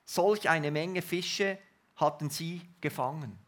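A man preaching a sermon in an earnest, reflective way with pauses. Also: a little high, fairly bright tone.

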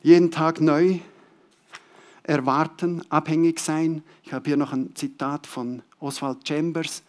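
A man preaching to his congregation in a fairly high voice. He hammers key words through repetition, pushes some phrases out loudly and lets others fall away almost to a murmur. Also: steady tone, unhurried. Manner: emphatic, swinging between loud stressed words and soft drops; repeats key words for emphasis. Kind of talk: sermon to a congregation.

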